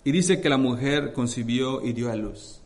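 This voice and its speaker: A male pastor preaching a sermon with fervent energy, reading scripture aloud and often addressing the congregation as brothers. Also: normal speed. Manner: reads scripture aloud with dramatic rises in pitch and force.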